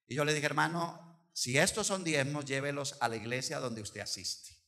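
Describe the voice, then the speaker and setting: An older pastor preaches with animated storytelling, acting out the voices of the people in his anecdote. His voice is very bright and sits a little high for a man. He swings his delivery between loud, emphatic lines and quieter asides. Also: moderate pace, gravelly. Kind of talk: sermon with anecdote.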